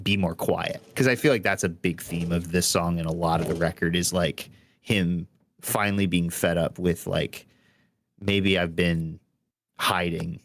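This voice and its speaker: A young man co-hosting a casual music podcast, rambling and filling his talk with "like". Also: low-pitched. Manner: rambling, heavy use of "like", frequent laughs. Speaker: podcast co-host.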